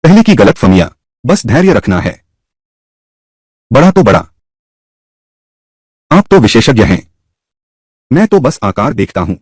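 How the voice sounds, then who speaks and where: A man dubbing a historical costume drama, voicing many characters in a lively, shifting way. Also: medium pitch, moderate pace, husky, no room sound, studio quality. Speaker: dubbing narrator voicing all roles. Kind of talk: Hindi dub of a historical drama.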